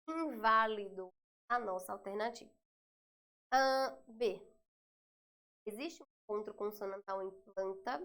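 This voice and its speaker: Brazilian woman teaching grammar, higher voice. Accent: Brazilian Portuguese. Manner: patient, checks in often with "né?" and "tá?". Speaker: Portuguese teacher. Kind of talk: exam review lesson.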